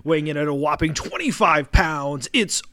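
A man putting on a booming announcer voice, hyping up a toddler's bath as if it were a big event. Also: moderate pace, pushed and bright, no echo, clean studio sound. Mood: booming hype.

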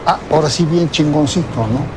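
An actor playing a blunt, swearing Mexican man of ninety in a film scene, gruff and scolding. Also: on the high side, brisk, noisy background, lightly acted. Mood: scornful. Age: 90s. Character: blunt, cursing 90-year-old Mexican man. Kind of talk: film drama acting.

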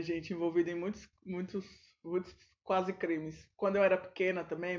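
A woman co-hosting a podcast, telling stories casually and acting out the people in them. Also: deep voice. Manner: animated, acts out shouted quotes. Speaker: podcast co-host. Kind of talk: casual storytelling chat. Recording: dull lo-fi sound.

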